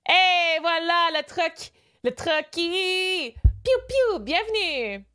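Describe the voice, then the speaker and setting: With a very high-pitched voice and drawn-out words, a young woman from Canada speaks with a Québécois French accent during a casual live stream. She reads her chat aloud, mixes in English, and switches into excited squeals in her animated delivery.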